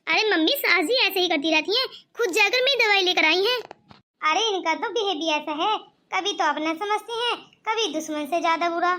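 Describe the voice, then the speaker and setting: A gentle young daughter-in-law in a cartoon story, voiced by a woman. She pleads and reassures in an earnest way, her voice very high and bright. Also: normal speed. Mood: reassuring. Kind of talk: cartoon voice acting.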